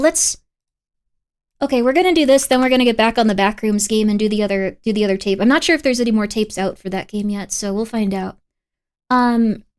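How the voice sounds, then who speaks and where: A woman chatting casually on a livestream in a playful, cute anime-streamer manner, animated and repeating phrases for emphasis. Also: on the high side. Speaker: VTuber livestreamer.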